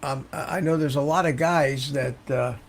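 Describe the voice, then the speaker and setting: An older man hosting a casual live stream, rambling and halting as he repeats words, with the low hiss of a fan behind him. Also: steady tone. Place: warm indoor room. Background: hissing fan.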